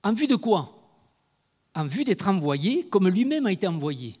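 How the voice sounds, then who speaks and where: A man's voice: high-pitched, big pitch swings, unhurried, a little mellow, slightly rough, in a large hall. A man preaching a sermon, speaking with emphasis and asking rhetorical questions of his listeners.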